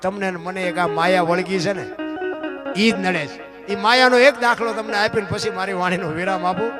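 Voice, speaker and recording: A man speaks as a folk storyteller, with a raised, high-pitched voice. He keeps putting rhetorical questions to his listeners and quotes folk verse. Plucked guitar music is clearly audible behind him. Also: fairly even intonation, moderate pace. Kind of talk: folk sermon talk to a live audience.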